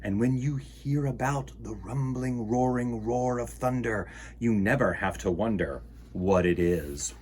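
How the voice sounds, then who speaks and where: Hosting a children's storytime show, a man with a medium-pitched, unhurried voice reads a picture book aloud over slight background noise. He chats with his young listeners directly, playful and theatrical, full of animated exclamations and gasps.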